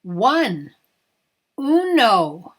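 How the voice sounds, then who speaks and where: Over children's music, a woman hosting a kids' show speaks in a sing-song way to young children and has them repeat after her. Her voice is a little high, slightly bright and very animated, and she talks very slowly on a rough recording.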